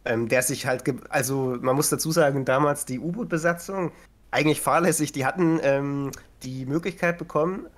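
A man's voice: fairly high pitch, brisk. A man co-hosting a podcast in casual chat, chatty and teasing, laughing often. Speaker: podcast co-host.

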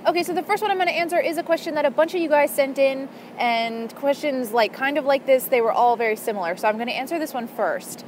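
A woman's voice: sits high, quick pace, hardly any pauses. A young woman chats casually to camera in a rambling, informal way, speaking into the mic on her earphones outdoors. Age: young adult. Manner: informal, rambling, frequent "like" and "you know". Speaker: vlogger. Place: outdoors in an urban park. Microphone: earphone mic used as microphone. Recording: outdoor background noise, headphone mic.

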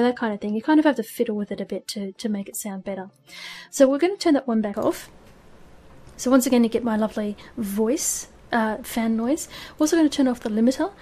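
Chatty higher-voiced woman explaining. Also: dark tone. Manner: chatty, laughs at herself. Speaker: streaming tutorial host. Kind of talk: casual screen-recorded tutorial. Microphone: desk microphone with audio filters. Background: fan hum and birds.

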